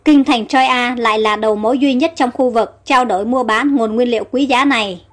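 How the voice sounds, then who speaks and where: A woman narrating a storybook in a steady, explanatory way. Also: fairly high pitch, normal speed, faint music behind.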